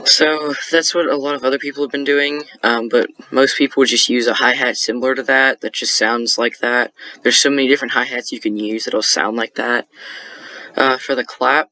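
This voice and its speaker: Bright-voiced young man explaining beats. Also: medium pitch, fairly even intonation, normal speed. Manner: rambling, many fillers and self-corrections. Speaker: beat-making tutorial host. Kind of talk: casual screen-recorded tutorial.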